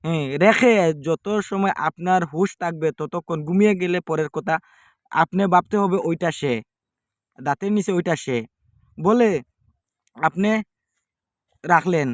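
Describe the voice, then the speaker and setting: A man giving step-by-step ritual instructions in a halting, repetitive way, recorded indoors without a microphone. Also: high voice, no room sound, clean studio sound. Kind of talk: step-by-step spoken demonstration. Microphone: no microphone, device's built-in mic.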